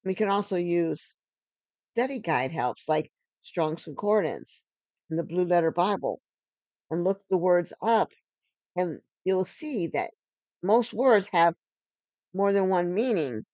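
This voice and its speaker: A woman giving an earnest teaching sermon on scripture, stressing key phrases and slowing down for emphasis. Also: fairly low pitch, lively intonation, a little mellow, dry recording. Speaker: Bible teacher.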